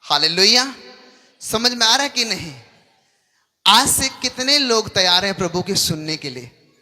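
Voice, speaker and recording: A man's voice: high voice, sing-song, a little slow, pushed and bright. A man preaching a sermon, speaking emphatically and often asking the congregation whether they understand. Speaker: pastor.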